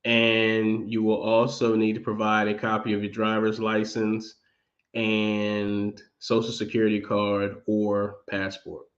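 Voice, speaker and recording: Guy with a lowish voice, chatty lender explaining stuff on a live stream, kinda dull muffled audio. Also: monotone, slow. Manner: conversational, explanatory, with frequent fillers. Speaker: mortgage lender.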